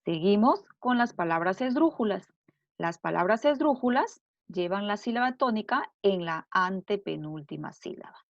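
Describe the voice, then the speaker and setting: A woman teacher giving a recorded grammar lesson, explaining slowly and deliberately and repeating her examples. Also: medium pitch, animated, no echo. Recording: dull lo-fi dry recording.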